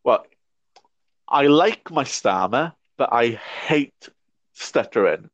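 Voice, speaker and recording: A young podcast guest in his twenties talks slowly and reflectively in casual conversation, stammering and often restarting. His medium-pitched voice has lively intonation. The audio is dry, muffled and lo-fi, with no room sound.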